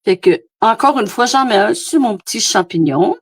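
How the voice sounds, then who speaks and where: A woman's voice: on the high side, animated, normal speed, slightly rough. A woman with a Québécois French accent, demonstrating card making in a casual, rambling live chat full of fillers. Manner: chatty, rambling, many fillers. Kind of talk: casual live craft demo. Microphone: phone camera.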